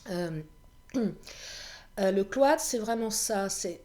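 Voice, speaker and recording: A woman with a hoarse voice giving a chatty card reading for viewers, often laughing at herself and clearing her throat. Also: medium pitch, animated, extremely slow, darkish tone. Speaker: tarot card reader. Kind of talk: card reading guidance video.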